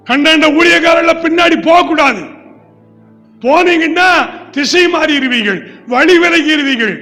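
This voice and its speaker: A male pastor with a Tamil Nadu accent preaches emphatically, his voice sitting very high and ringing with a bright, forceful edge. He bursts into shouts at times. The sound comes from a church hall with a long reverberant tail and a faint bed of music underneath. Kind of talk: sermon.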